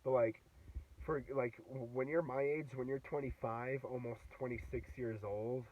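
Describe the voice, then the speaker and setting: A man's voice: medium pitch, flat delivery, normal speed. Young man with a sore throat, rambling. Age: 20s. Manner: rambling, heavy with fillers and restarts. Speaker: vlogger. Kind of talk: casual vlog monologue. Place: inside a car. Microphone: phone. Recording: dull, distant phone audio in a car.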